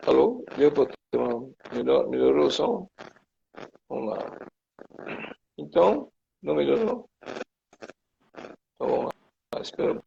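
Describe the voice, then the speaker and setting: A man's voice: medium pitch, animated, measured pace, gravelly, long pauses, mellow, husky, lo-fi sound. A man, teaching an online class over a video call whose audio keeps breaking up, so he halts and repeats words. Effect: choppy, breaking-up call audio. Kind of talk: online lecture.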